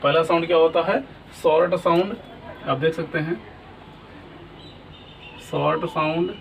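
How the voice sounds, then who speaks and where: Guy with a high voice teaching english, asks and answers his own questions, bit far from the mic with faint hiss. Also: fairly even intonation, a little slow, creaky. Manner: asks questions then answers them himself; repeats "ठीक है ना?" often. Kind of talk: classroom lesson.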